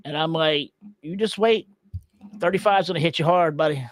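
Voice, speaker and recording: A man's voice: fairly high pitch, normal speed, no room sound. A man co-hosting a casual talk show, bluntly joking in crude banter. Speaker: podcast co-host. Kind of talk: casual chat.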